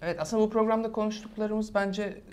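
A man's voice: high-pitched, fairly even intonation, a little fast, darkish tone, clear, resonant tone. A man hosting a podcast, asking joking, teasing questions in casual chat. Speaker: podcast host.

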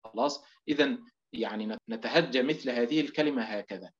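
A middle-aged man teaching Quranic recitation in an online lesson, explaining step by step and stretching example words out slowly. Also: medium pitch, lo-fi sound.

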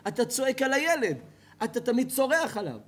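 A man, a rabbi, giving a lively sermon to a live audience, telling stories, asking the audience questions and joking. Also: very high voice, husky. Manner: animated storytelling, asks the audience questions, jokes. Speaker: rabbi giving a Torah lecture. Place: hall with an audience.

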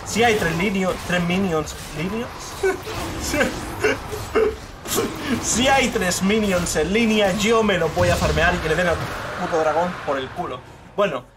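A young man with a Spain Spanish accent giving live gameplay commentary, swearing freely and bursting into shouts at the big plays. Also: sits high, normal speed, background noise. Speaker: streamer. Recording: game music clearly behind the voice.

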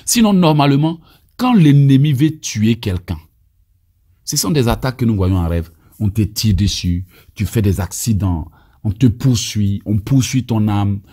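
Outdoors, on a phone held out at arm's length, a man in his thirties from Côte d'Ivoire delivers deliverance prayer teaching in an Ivorian French accent; his first language is Abé. His fairly low voice is warm and slightly rough, with lively intonation and an unhurried pace, and he preaches emphatically amid frequent stammered restarts.

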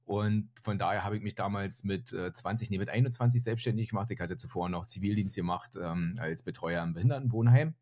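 Speaking quickly with few pauses, a northern German man in his forties talks as a podcast guest in a relaxed interview, poking fun at himself and using lots of fillers. The voice is lowish and darkish. He's at home indoors, and the audio comes from a headset on a video call.

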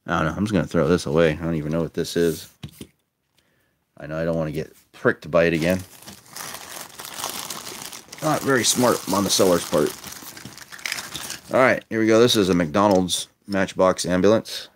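Deep-voiced man chatting while unboxing toys. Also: moderate pace, long pauses, a little hiss or hum. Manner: chatty, wry and self-mocking, muttering asides. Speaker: toy collector vlogger. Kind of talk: casual unboxing commentary. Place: indoors at a table, filming toys close up.

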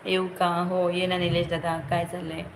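A woman chats casually on a live stream, greeting each viewer and urging likes and shares. Her voice sits low and stays fairly flat. A faint hiss of background noise runs under her. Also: moderate pace, rough recording. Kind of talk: casual live-stream chat reading comments.

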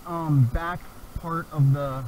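A young man talking excitedly while handling a fish outdoors, swearing and exclaiming as he goes. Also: on the high side, slow, background noise. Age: young adult. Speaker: angler filming his catch. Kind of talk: excited casual chat. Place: outdoors on rocks at a spillway.

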